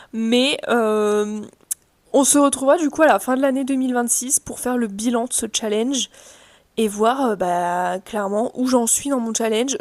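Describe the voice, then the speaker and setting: A woman chatting casually to camera as a book vlogger, filling pauses with hesitations and rattling off book titles. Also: fairly high pitch. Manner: chatty, many fillers, reads titles quickly. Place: room indoors as daylight fades.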